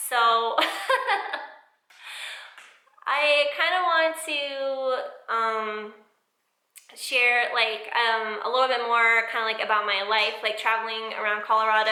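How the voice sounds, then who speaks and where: A young woman vlogging casually about her sewing plans, rambling with lots of fillers, recorded in a bare room with high ceilings and hardwood floors. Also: sharp tone. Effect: big echoey room sound. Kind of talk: casual chat to camera. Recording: echoey, roomy home recording.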